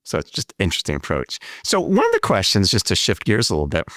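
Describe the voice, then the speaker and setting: Deep-voiced man, measured podcast host. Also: wildly swooping pitch, fairly bright tone, no room sound, studio quality. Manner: measured, reflective, explains at length with fillers. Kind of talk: conversational interview.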